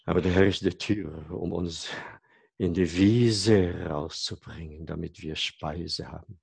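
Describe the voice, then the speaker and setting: Halting male preacher. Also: low-pitched, steady tone, vocal fry, slightly rough, no echo. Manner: halting, searching for German words, self-interrupting; asks listeners rhetorical questions. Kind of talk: conversational sermon to congregation.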